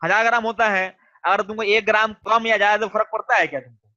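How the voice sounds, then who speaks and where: A man's voice: high-pitched, fairly even intonation, quick pace, bright, forceful tone. A man teaching a class online, mixing terms into his lecture and coaxing students to answer. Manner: coaxing, repeats questions to students. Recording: dull lo-fi sound.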